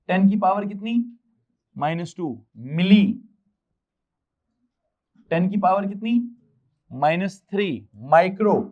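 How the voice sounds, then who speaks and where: A man's voice: sits high, darkish tone, highs cut off. A male physics teacher with a Pakistani Urdu accent, lecturing a class and quizzing the students with repeated questions.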